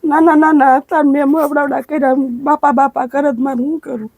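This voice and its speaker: A woman, crying as she tells of her hardship in a halting, pleading way. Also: high-pitched, flat delivery, a little mellow, no echo. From Gujarat. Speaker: interviewee, widowed mother. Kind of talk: emotional testimony.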